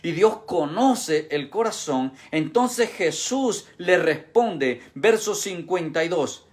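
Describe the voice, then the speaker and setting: A male pastor preaching a sermon in an emphatic way, moving between hushed and raised delivery. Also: high-pitched, lively intonation, slow.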